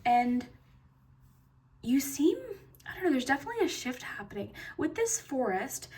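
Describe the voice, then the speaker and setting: A woman's voice: high voice, sing-song, normal speed, a little mellow, far from the mic. A woman doing a pick-a-card tarot reading, chatty, full of fillers and restarts, and losing her voice. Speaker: tarot reader.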